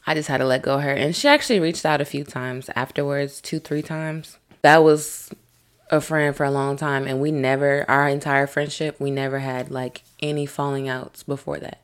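A woman co-hosting a podcast, chatting casually and hesitantly and backing up her partner with soft agreement. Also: very deep voice, fairly even intonation, normal speed. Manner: laid-back, hesitant speech with soft backchannels. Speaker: podcast co-host. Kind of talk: candid casual podcast chat.

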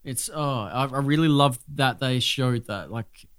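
Young host, mid-pitched, animated and loose, swears freely. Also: male voice, moderate pace. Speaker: podcast host. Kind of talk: casual chat and movie review.

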